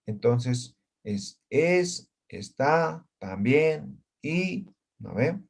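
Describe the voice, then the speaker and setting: A man's voice: medium pitch, lively intonation, drawn-out words, gravelly, a little mellow, slightly rough. A man teaching a language class, patiently explaining and often checking in with his students. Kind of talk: classroom lesson.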